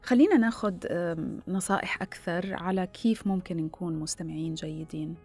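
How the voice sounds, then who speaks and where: Woman podcast host, brisk pace, guides the talk with questions, faint music behind. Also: fairly low pitch, darkish tone. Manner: steers the talk with questions and agreeing interjections. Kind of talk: podcast conversation.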